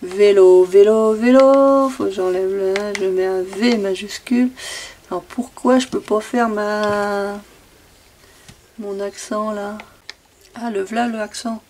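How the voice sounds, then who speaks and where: A crafting video maker thinks aloud while making a handmade card, often repeating her own phrases in a sing-song way as she chats casually. Her medium-pitched voice stays fairly even and slow, with slight background noise.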